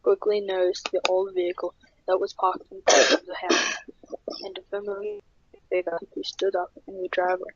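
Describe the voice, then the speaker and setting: A woman narrating a horror story in a plain, steady reading voice. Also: mid-range voice, normal speed, creaky, dry recording. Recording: dull lo-fi.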